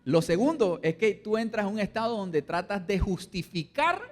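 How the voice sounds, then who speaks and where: Man, pastor, sermon, high voice, acts out quotes, long church-hall echo. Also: expressive, moderate pace. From Colombia. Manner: preaching with acted-out quotes, dropping low and rising loud.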